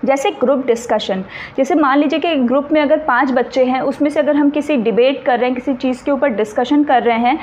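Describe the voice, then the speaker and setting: A woman's voice: high-pitched, a little hiss or hum. A woman teacher giving an exam-prep lecture. She explains patiently and keeps checking whether her students follow. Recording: slightly dull recording, faint ambience.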